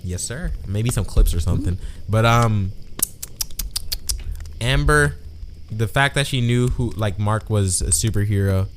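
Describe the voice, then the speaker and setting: A man co-hosting a casual podcast, joking loudly and acting out characters in exaggerated high voices. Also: unhurried, long pauses, slight background noise. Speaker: podcast co-host.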